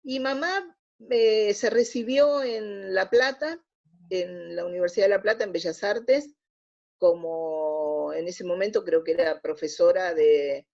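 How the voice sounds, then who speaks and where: An older woman from Buenos Aires, Argentina, reminisces conversationally as an interview guest, speaking Buenos Aires Spanish. Her voice sits on the low side, with a measured pace, a creaky texture and a darkish tone. The recording is dull and lo-fi.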